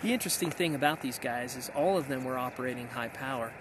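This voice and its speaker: A middle-aged American man talks fast in a mid-range voice as he vlogs about amateur radio from hilly backcountry. His casual outdoor vlog talk is an enthusiastic summary, and outdoor sounds can be heard behind his voice.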